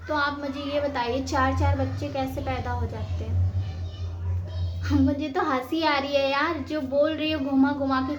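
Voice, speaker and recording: Woman vlogger, Madhya Pradesh Hindi accent, casual and chatty; roomy echo on the track. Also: high-pitched. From Madhya Pradesh, India. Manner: chatty, repeats "theek hai" and "yaar". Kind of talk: casual opinion vlog. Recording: slightly dull, roomy, faint hiss.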